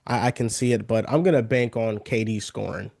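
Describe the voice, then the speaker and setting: A young man co-hosting a casual sports podcast, laying out his picks in a measured, hedging way. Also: on the low side, creaky, darkish tone. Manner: measured, hedging takes with fillers. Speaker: podcast co-host.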